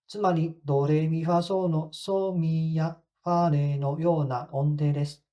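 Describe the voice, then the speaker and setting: A calm, scripted lesson narration by a pronunciation teacher, who explains step by step and sings solfege syllables to show pitches. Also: lo-fi sound.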